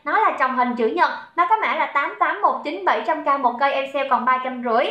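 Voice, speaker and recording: A woman's voice: high-pitched, fast, bright, forceful tone. A young woman selling on a livestream, chatty and teasing as she reads out viewer comments. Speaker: livestream seller. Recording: echoey room, dull lo-fi sound.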